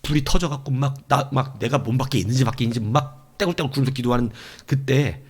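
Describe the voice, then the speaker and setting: A male pastor preaching a sermon in a lively way, acting out the devil's taunts in other voices. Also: mid-range voice, quick pace, breathy edge.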